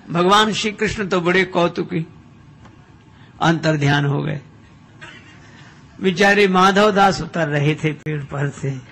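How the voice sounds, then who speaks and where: Gravelly older man telling a devotional tale. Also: a little high, slight background noise. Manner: acts out dialogue of story characters with shifting loudness. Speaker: spiritual discourse speaker. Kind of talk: humorous devotional storytelling sermon.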